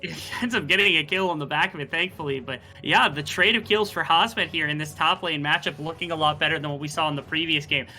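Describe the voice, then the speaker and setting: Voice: medium pitch, fast, few pauses, pushed and bright, a little hiss or hum, rough recording. An esports caster giving live commentary in a wordy, conversational, analytical way.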